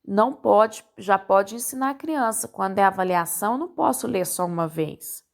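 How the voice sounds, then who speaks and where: A woman's voice: medium pitch, lively intonation, normal speed, creaky. A woman teacher with a Brazilian accent, patiently walking parents through a worksheet step by step and checking in often. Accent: Brazilian Portuguese. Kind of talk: recorded lesson for parents.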